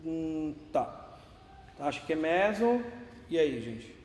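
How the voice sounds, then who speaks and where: In an echoey classroom with long reverb and faint room noise, a man teaches a music class in a slightly mellow, high-leaning, sing-song voice. Speaking slowly, he patiently explains dynamics, counts beats, and sings note names.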